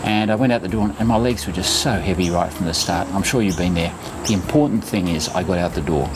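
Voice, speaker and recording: A man's voice: low-pitched, fast talker, noisy background. A man in his sixties talking casually to camera as a running vlogger, chatty, instructive and reassuring as he shares tips. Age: 60s.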